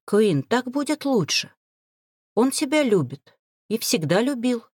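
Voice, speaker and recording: A woman's voice: on the high side, big pitch swings, normal speed, a little mellow, no echo, clean studio sound, pitched above the performer's own voice. A woman voicing a guilty middle-aged woman in a storybook, pleading and insistent.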